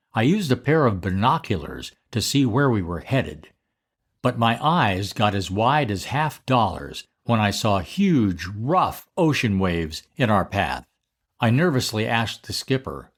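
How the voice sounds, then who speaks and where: An older man narrating a personal memory in a slow, deliberate storytelling manner. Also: fairly low pitch.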